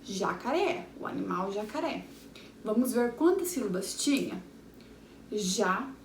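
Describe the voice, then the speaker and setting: Brazilian lady teacher sounding out words real slow for little kids, kinda high voice, far off in a roomy space. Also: expressive, darkish tone. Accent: Brazilian Portuguese. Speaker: primary school teacher. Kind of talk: remote lesson review for young children. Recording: echoey room, far from the mic, faint background hum.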